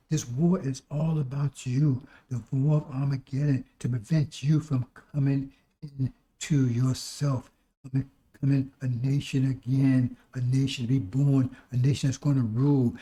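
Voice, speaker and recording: A man preaching with a hoarse, recovering voice, exhorting through repetition and rhetorical questions. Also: medium pitch, dark tone. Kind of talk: sermon.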